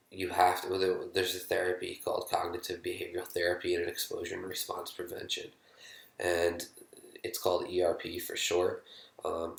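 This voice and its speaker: A man speaking candidly to camera about his own experience, halting, with many fillers and restarts, sometimes dropping to a whisper. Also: deep voice, creaky, reverberant. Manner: drops to a whisper when quoting his own thoughts. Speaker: vlogger sharing his experience. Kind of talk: candid personal talk to camera.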